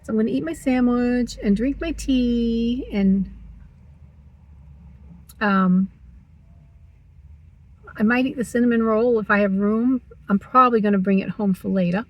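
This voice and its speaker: A woman's voice: mid-range voice, slightly rough, highs cut off. A woman in her sixties vlogging from her parked car, chatty and teasing herself as she talks. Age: 60s. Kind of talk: casual chatty vlog.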